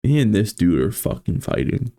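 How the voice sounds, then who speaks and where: A man with a gravelly voice reads a horror story aloud as a streamer, with casual, foul-mouthed commentary. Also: on the low side, big pitch swings, normal speed, mellow, no echo, clean studio sound.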